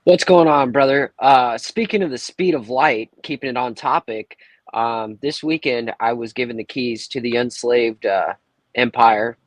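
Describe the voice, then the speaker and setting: A man's voice: mid-range voice, unhurried, dry recording, rough recording. A man on livestream headset audio, dry, close sound. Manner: animated, acts out quoted people with a raised voice. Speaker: caller on a livestream. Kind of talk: casual chat, telling a story.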